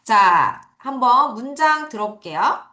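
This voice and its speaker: Slow, bright-voiced woman teaching vocabulary. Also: a little high, lively intonation. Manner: drills pronunciation, slow repeated words. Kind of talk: online vocabulary lecture. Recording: echoey room.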